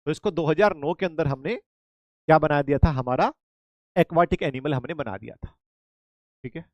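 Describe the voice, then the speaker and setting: A man's voice: a little high, normal speed, no room sound, dull audio. A man teaching a live online class, drilling facts by asking students questions again and again and slipping English terms into Hindi. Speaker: online exam-prep teacher.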